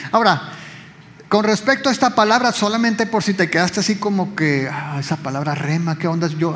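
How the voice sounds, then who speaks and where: A man's voice: high-pitched, fairly bright tone, long reverb tail. A man preaching a sermon as pastor, explaining conversationally and speaking directly to the congregation.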